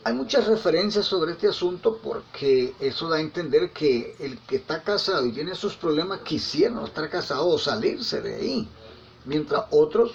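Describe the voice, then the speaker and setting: A man's voice: fairly high pitch, creaky, slight background noise. A man preaching a conversational sermon, telling anecdotes with frequent tag questions and repeated words. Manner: repeats and restarts words often. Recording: slightly dull lo-fi with faint ambience.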